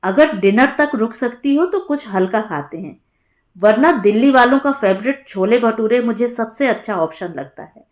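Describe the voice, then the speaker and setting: एक महिला कथावाचिका द्वारा निभाया गया एक हँसमुख, चिढ़ाने वाला वयस्क पुरुष, पुराने कॉलेज का दोस्त, जो बेफ़िक्र और मज़ाकिया अंदाज़ में बात करता है। कहानी के पाठ जैसी सहज, बोलचाल वाली delivery.. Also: female voice, on the high side, lively intonation, normal speed, close to an everyday voice. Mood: friendly, teasing. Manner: joking, easygoing. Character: cheerful teasing grown man, old college friend. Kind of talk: storybook narration.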